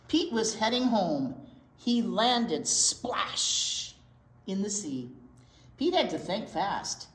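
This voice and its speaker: Reading a picture book to young children, a storytime teacher speaks slowly at a medium pitch, her voice rising and falling widely. She stretches out key words expressively and poses little questions, and the indoor space sounds roomy and echoey.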